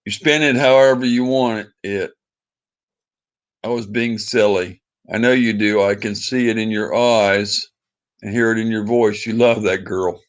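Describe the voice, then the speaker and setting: A man's voice: fairly low pitch, steady tone, a little slow. A man, hosting a casual livestream and reading viewer comments, talking in a pleading, sentimental, repetitive way. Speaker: livestream host.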